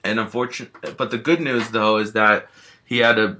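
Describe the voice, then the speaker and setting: A big, gentle grizzly bear who scares easily, voiced by a man rambles through a first-person storytime and leans on fillers constantly. His voice sits fairly low but rings bright and forceful. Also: fairly even intonation, moderate pace, a little hiss or hum. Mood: rambling wistful.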